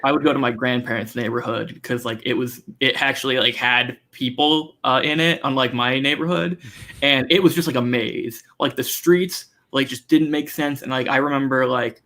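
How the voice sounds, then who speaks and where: A man co-hosting a radio show, telling stories animatedly and filling every pause with "like." His voice is at a middle pitch for a man. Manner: animated storyteller, constant "like". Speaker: radio co-host. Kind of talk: casual chat.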